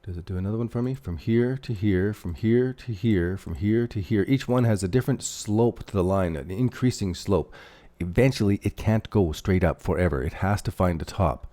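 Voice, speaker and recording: A man's voice: on the low side, moderate pace, warm tone. A man with a Canadian accent hosting a casual livestream, thinking aloud over charts and answering viewer chat. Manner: rambling, thinks aloud while drawing on charts. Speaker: crypto livestream host.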